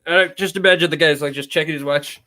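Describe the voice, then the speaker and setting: A man's voice: a little high, fast talker, dry recording. Drunk, swearing male streamer. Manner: excitable, swears a lot. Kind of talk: casual livestream chat.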